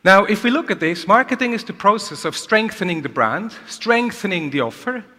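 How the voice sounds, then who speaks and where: Bright-voiced man giving a keynote. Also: high voice, normal speed. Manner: energetic, rhetorical questions. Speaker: keynote speaker. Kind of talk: conference keynote. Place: large conference hall. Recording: reverberant conference hall.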